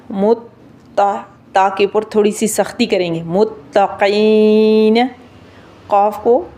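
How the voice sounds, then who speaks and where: A woman teaching a Quran recitation lesson, patiently explaining each sound and slowly drawing out the words as she demonstrates them. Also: mid-range voice, a little mellow.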